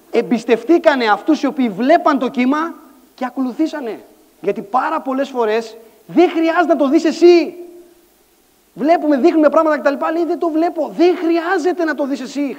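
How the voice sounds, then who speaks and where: A middle-aged man giving an animated motivational stage talk, acting out dialogue and shouting some lines in a large conference hall. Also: very high-pitched. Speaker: conference speaker. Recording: echoey hall sound.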